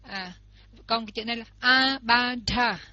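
A woman's voice: on the high side, a little slow, bright, forceful tone, no echo. A woman giving a lesson, explaining step by step and repeating example words aloud. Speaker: teacher. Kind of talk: lesson on Pali pronunciation. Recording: dull lo-fi recording.

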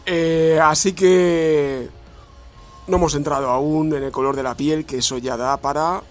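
A man's voice: a little high, steady tone, a little slow. Madrid man co-hosting, faint music. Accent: Madrid Spanish. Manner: loose, slangy, reflective. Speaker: podcast co-host. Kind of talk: casual chat.

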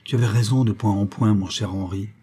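A man voicing an eager young man in an adventure audiobook, speaking quietly and earnestly. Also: lowish voice, steady tone, fairly quick, husky.

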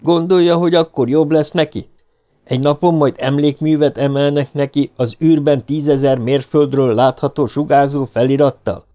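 A man's voice: a little high, fairly even intonation, dark tone, natural voice. A man reading an audiobook, voicing an agitated, grieving young man in his twenties. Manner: pleading, heated outbursts.

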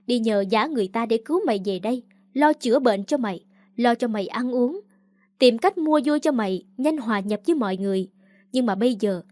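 An angry, hot-tempered man yells and berates, as a woman storyteller reads his lines. The voice is fairly high and dry, recorded close with no reverb. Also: close to an everyday voice. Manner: angry, yelling. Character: hot-tempered older brother, shouting.

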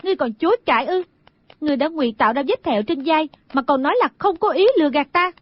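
A woman voicing a fiery, quick-tempered young woman who scolds sharply, in a dull lo-fi recording. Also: high voice, animated, no echo, voice pushed up. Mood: furious. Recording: dull lo-fi audio.

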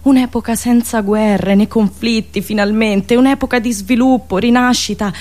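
A woman radio host with a fairly high voice tells a satirical story theatrically. She is expressive and deliberate, putting dramatic pauses between the phrases she lists.

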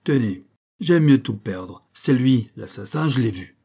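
A man reading a story aloud, voicing a desperate accused man who shouts and pleads that he is innocent. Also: mid-range voice, expressive, a little slow, husky. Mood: outraged.

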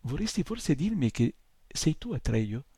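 A man's voice: fairly high pitch, sing-song, unhurried, dark tone, husky, no room sound, voice pushed up, full character voice. A man voicing an old male centaur healer who grumbles impatiently, in an audiobook reading. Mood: gruff.

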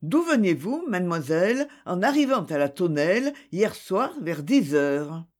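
Narrator as male investigator, calm, courteous, gentle but insistent, slow. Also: medium pitch.

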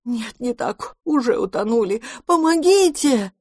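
A woman's voice: medium pitch, a little mellow, no room sound, lightly acted. A woman doing a fretful little male creature from a storybook who wails and draws out every word. Everything sounds like a catastrophe to him, and the voice sits in a dry, close booth. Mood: despairing. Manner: slow, wailing lament.

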